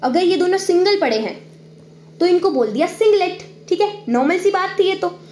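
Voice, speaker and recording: High-voiced woman teaching biology. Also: expressive, moderate pace, a little mellow, echoey room, slight background noise. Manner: explains step by step, checks in with "ठीक है"; drawing on screen while talking. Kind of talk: online exam-prep lecture.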